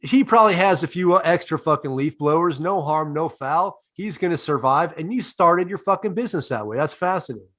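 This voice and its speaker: A man with a high voice hosts a comedy podcast. He lays out long, deadpan, profane setups before each question. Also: a little fast, few pauses. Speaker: podcast host. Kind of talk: comedic interview.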